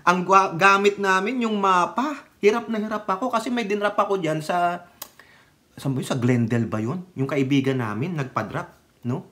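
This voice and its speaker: A middle-aged political commentator from the Philippines, speaking with fiery conviction and a steady stream of rhetorical questions. Between the jabs, the voice drops into a quieter, lower register for personal stories.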